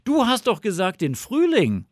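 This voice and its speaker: A man doing a fussy, high-pitched fox. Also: huge pitch swings, moderate pace, no echo, studio quality, heavily acted. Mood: doubtful. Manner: raised, fussy and plaintive. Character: fretful, complaining male fox friend. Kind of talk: storybook reading.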